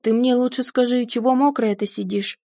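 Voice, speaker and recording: A woman reading the lines of a fussy middle-aged male company director who speaks with an oddly gentle, fussing manner. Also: a little high, fairly even intonation, moderate pace, dry recording, clean studio sound, natural voice. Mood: fussy, uneasy.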